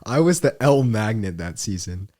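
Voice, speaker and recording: A man's voice: fairly low pitch, very animated, moderate pace, dark tone, no room sound, studio quality. A young man hosting a podcast, laid-back and slangy, who laughs often. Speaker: podcast host. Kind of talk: casual podcast chat.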